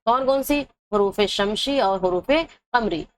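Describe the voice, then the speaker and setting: A woman's voice: medium pitch, a little hiss or hum. A woman teaching an Urdu exam-prep lesson, asking her own questions and answering them, dragging out example words to show how they sound. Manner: drags out example words to show their pronunciation.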